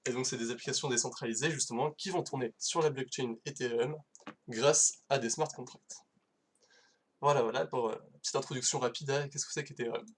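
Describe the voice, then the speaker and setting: A man's voice: medium pitch, steady tone, a little fast. A man giving a casual live-streamed technical talk, hesitant, with many fillers and restarts. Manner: casual, self-deprecating. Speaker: conference speaker.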